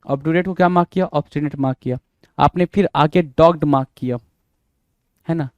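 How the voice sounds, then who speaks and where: Mellow-voiced man drilling English vocabulary. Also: on the high side, moderate pace, no room sound, lo-fi sound. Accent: Indian English. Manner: drills words, spells them letter by letter, asks and answers his own questions. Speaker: vocabulary teacher. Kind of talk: exam-prep vocabulary lesson.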